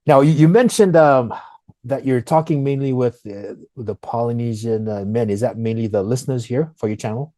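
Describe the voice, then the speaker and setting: Speaking as an interview guest, a Fijian-accented man from Fiji tells stories in a casual, informal manner, dropping "man" and "you know" frequently. He has a dark-toned, mid-range voice, talks at a moderate pace, and there's no echo.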